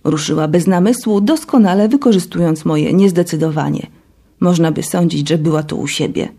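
A woman narrating a novel chapter as an audiobook, reading in a steady, even storytelling manner. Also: on the low side, normal speed, breathy edge.

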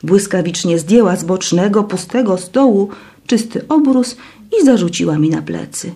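A woman reading a first-person story aloud in a dramatic, expressive way. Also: on the low side, normal speed. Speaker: audiobook narrator. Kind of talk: first-person scripted narration.

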